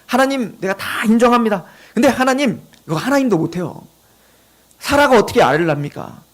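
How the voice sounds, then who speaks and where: A preacher voicing doubting old Abraham. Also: male voice, very high-pitched, expressive, a little fast. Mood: pleading. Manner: pleading, bargaining.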